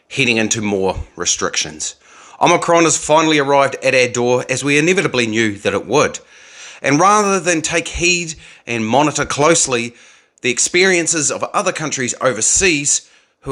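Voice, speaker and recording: A man's voice: mid-range voice, fairly bright tone. A man in his forties with a New Zealand accent, delivering an indignant opinion monologue full of rhetorical questions. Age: 40s. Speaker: political commentator.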